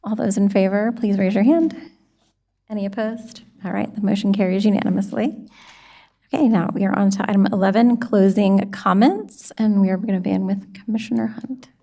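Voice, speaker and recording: A woman's voice: mid-range voice, steady tone, fairly quick, vocal fry, dark tone. A woman chairing a town board meeting, calling items and votes in formal procedural language.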